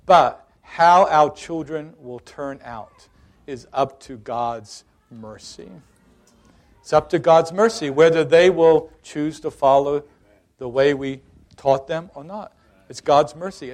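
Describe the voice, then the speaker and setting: A man's voice: on the high side, unhurried, darkish tone. A middle-aged man preaching a sermon, telling personal stories with quoted dialogue and repeated emphasis.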